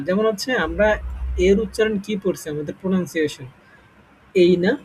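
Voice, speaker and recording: Guy with a high voice running a casual online class, walks through it step by step, keeps checking "okay?", faint room hum behind. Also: a little mellow, low-quality recording. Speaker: English teacher.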